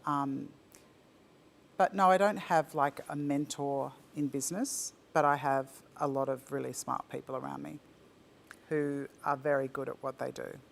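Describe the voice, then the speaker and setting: This Australian ceramics company founder has a very deep, steady voice with vocal fry, at a moderate pace. Enthusiastic and casual, she restarts often during the interview. It's a virtual talk with faint room ambience in the background.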